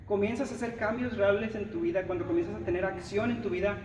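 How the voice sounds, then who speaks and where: A man preaches in a Mexican accent, his fairly high voice emphatic as he talks straight to his listeners. He is picked up from a distance in a reverberant church hall, and the sound is dull, with steady noise underneath. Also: quick pace. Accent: Mexican Spanish. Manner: emphatic, speaks straight to the listener, acts out others' words. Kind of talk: sermon.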